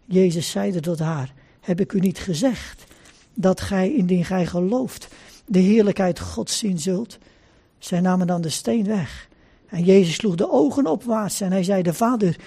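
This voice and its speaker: A man preaching a sermon after a scripture reading. He talks slowly and deliberately, repeats phrases for emphasis and drops in short "hè" asides. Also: sits high, dark tone, slightly rough.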